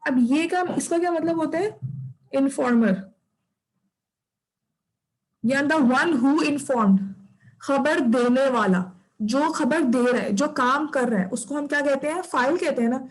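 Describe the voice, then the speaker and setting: A woman teaches Arabic grammar to an online class in a high, clear voice. She goes over each term slowly and checks that her students follow. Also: poor audio. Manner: patient, repeats terms and checks understanding.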